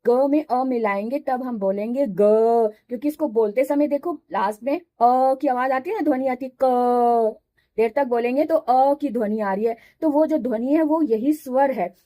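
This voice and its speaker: A woman teaching a beginner language class, patiently explaining and drilling sounds slowly, syllable by syllable, and repeating points with rhetorical checks. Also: high voice, warm tone. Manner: slow, careful syllable-by-syllable pronunciation drills. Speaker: Sanskrit teacher.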